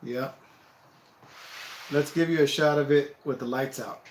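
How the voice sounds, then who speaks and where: A man hosting a building-set livestream, chatting casually and thinking aloud in a relaxed, self-deprecating way. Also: mid-range voice, unhurried, reverberant, slight background noise, rough recording.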